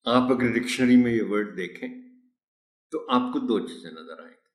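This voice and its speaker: A man giving a pronunciation lesson to teachers, speaking slowly and deliberately and repeating example words with careful stress. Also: medium pitch, lively intonation. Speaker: teacher trainer. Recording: roomy echo.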